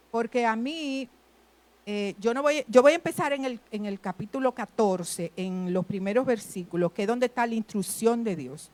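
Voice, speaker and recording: A woman preaching a sermon in a lively way, acting out the voices she quotes. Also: mid-range voice. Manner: animated, acts out quoted voices.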